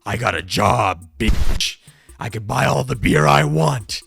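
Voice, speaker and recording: A man playing a surly, beer-craving old grandpa in a comedy skit, blunt and smug with a raspy, creaky voice. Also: on the low side, animated, unhurried, a bit bright, faint music behind, exaggerated voice.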